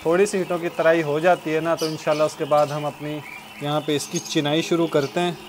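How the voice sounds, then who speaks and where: This young vlogger from Pakistan has a voice on the high side, delivered flatly and briskly as he narrates a casual vlog outdoors on farmland and a building site. He often laughs between sentences. His lapel mic catches background noise along with faint outdoor ambience.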